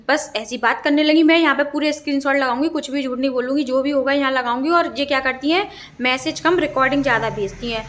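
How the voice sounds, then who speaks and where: A woman's voice: sits high, a bit bright, slight background noise. A young woman vlogger chatting casually, getting agitated as she tells a story. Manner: chatty, grows agitated when recounting the dispute.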